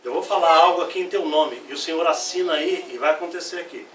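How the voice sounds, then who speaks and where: A man preaching with a high, bright voice and a lively delivery, acting out the words of the scripture. He is recorded from a distance in an echoey church hall, and a faint ambience sits behind him. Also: fast, slight background noise. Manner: lively preaching, acts out Bible quotes. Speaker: pastor. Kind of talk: sermon. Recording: echoey room, voice from far off.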